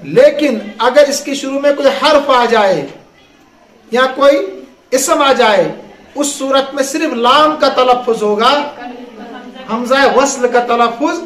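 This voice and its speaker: A man with a very high voice teaches Arabic letters to a class. He keeps asking questions and pausing so the students can finish his sentences. The room is echoey. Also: fairly bright tone. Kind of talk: classroom lesson with call and response.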